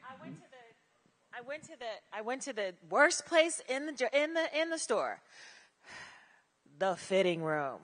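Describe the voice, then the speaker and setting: A woman giving direct, animated coaching feedback on a pitch rehearsal, using casual slang. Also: moderate pace, long reverb tail.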